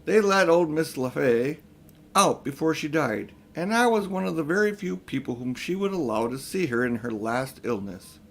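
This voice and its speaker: A man's voice: a little high, lively intonation, moderate pace, fairly bright tone. A man voicing a pompous, scheming old uncle, a self-important magician with a grandiose, condescending way of talking. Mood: confiding. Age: older.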